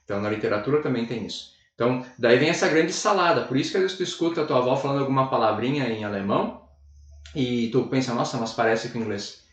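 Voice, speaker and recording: A man's voice: medium pitch, quick pace, roomy sound, distant mic. A man from Brazil, an English teacher chatting on a podcast and rambling with many restarts. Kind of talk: casual classroom-style chat.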